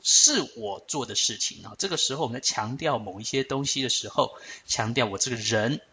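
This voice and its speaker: Lively man teaching grammar. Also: mid-range voice. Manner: patient, explanatory, addresses students directly with frequent check-ins; slows down to spell out French forms. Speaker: French teacher. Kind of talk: recorded grammar lesson.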